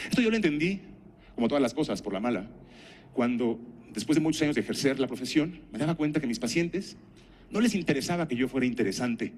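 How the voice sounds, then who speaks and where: A man's voice: fairly high pitch, a little mellow. A man giving a conference talk, telling anecdotes and putting rhetorical questions to the audience. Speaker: speaker at a conference.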